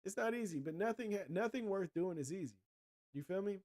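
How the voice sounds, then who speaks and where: Guy on a livestream, kinda high but mellow dark voice, blunt cussing advice, preachy. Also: animated, fairly quick. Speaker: livestream host. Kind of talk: casual livestream chat.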